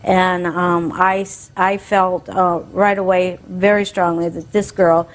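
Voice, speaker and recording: Casting: female court litigant, slightly low pitch, halting, earnest delivery, faint noise in the background. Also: level tone. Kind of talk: courtroom testimony.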